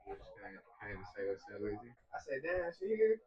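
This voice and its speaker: A man's voice: mid-range voice, sing-song, fairly quick. A man dropping in with a casual, slangy greeting. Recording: dull lo-fi sound with a crowd behind.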